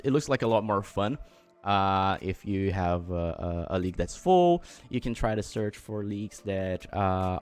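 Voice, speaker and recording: A man co-hosting a mobile game livestream, talking loosely with many fillers while giving players advice. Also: fairly low pitch. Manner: relaxed, filler-heavy, advising viewers. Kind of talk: casual livestream chat.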